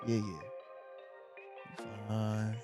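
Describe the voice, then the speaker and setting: A man from co-hosting a podcast, joking around in relaxed slang. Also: on the low side, extremely slow, soft background music. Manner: laid-back, joking slang. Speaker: podcast co-host. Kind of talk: casual chat.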